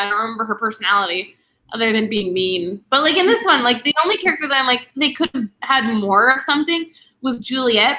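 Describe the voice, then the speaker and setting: A young woman talks through a book on a casual livestream, rambling with plenty of "like"s. Her voice is bright and sits a little high. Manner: chatty, many "like" fillers, quick asides. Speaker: booktube host.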